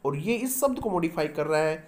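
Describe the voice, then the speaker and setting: A man teaching a grammar lesson, who keeps asking the class questions and answering them himself and slowly spells out example sentences. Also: fairly high pitch, animated.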